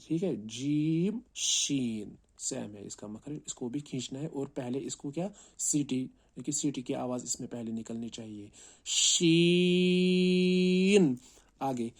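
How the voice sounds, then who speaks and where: Man teaching recitation, warm and even, paces through each letter with check-ins. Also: medium pitch. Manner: explains slowly, then calls out each letter long and loud; often checks in with "right?". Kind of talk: teaching Arabic letter pronunciation.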